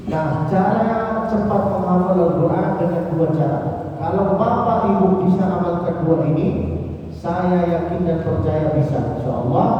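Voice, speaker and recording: A man's voice: sits high, slight background noise. A young man who grew up in Saudi Arabia, preaching to parents and often asking the audience questions. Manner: rhetorical questions to the audience, chanting Arabic verses. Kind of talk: religious lecture to parents. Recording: echoey hall, far from the mic, dull sound.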